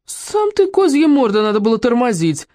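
A reader playing a brawling working man yelling at a doctor. The voice climbs high and strains. Dry, close recording. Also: sing-song, fairly quick, no echo. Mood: angry. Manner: crude, bawling. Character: rough working-class man, a truck driver, brawling.

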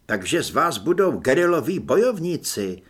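A man doing a loud, flustered newspaper man. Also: a little high, big pitch swings, slightly rough. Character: flustered middle-aged male newspaper man. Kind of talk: audiobook character voice.

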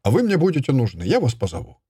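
A man playing a gloomy male newspaper editor who asks clipped, quick questions. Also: medium pitch, sing-song, warm tone, husky, no room sound, clean studio sound.

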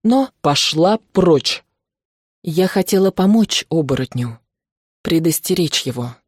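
A woman narrating a novel in the first person, expressive and lively. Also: fairly low pitch, husky, no room sound, studio quality.

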